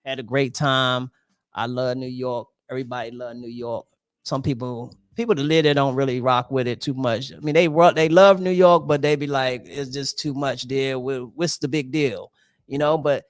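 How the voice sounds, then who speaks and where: A man's voice: mid-range voice, smooth, no room sound, clean studio sound. A man co-hosting a podcast in casual chat, playful and teasing, laughing often. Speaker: podcast co-host.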